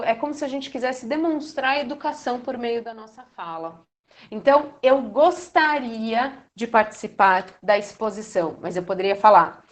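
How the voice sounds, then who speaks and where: A young Brazilian woman, a Portuguese teacher, explains grammar to teenagers in a casual, affectionate way, tagging her sentences with "né?". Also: fairly high pitch. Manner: chatty, affectionate, many "né?" and "então". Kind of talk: casual recorded lesson for teenagers.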